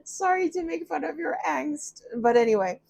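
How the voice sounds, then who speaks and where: A woman's voice: sits high, expressive, normal speed, gravelly, a little mellow. A woman giving a casual, chatty tarot reading from a room at home, thinking aloud and often laughing at herself. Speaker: tarot reader.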